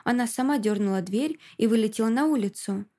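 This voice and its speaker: A woman narrating a first-person audiobook with a steady, expressive reading. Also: a little high, fairly quick.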